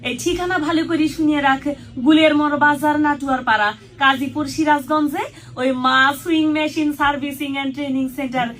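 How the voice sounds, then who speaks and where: A woman's voice: sits high, fairly even intonation, fairly quick, distant mic, lightly acted. A woman playing a helpful village woman in an advert dialogue, speaking Bangladeshi dialect with a Sirajganj accent. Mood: instructive. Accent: Sirajganj regional Bangladeshi. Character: helpful village woman recommending a local shop.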